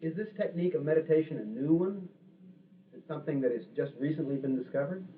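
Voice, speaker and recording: A man's voice: fairly high pitch, animated, quick pace, slight background noise. A male interviewer asking polite questions, sometimes hesitant. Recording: tinny distant archival recording.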